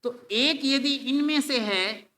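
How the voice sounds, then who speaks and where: Lively high-voiced male teacher, bright. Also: takes it slowly. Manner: animated, voices students' questions, mixes Hindi and English. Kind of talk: exam-prep grammar lecture.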